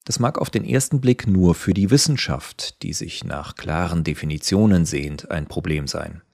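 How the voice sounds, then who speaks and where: Deep-voiced man reading an essay. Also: creaky, dry recording, clean studio sound. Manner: even, measured reading. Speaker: article reader. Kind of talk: scripted narration of an essay.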